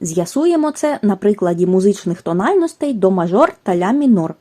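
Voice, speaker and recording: A woman giving a scripted language lesson, reading rules and examples in a careful, measured way. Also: mid-range voice, big pitch swings, dark tone. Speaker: language teacher. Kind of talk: scripted educational narration.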